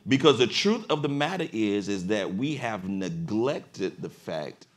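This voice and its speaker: A man's voice: on the low side, very animated, measured pace. A man hosting a panel discussion as a pastor, speaking in a preacherly way that climbs to emphatic peaks on a studio stage before an audience. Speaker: pastor and podcast host.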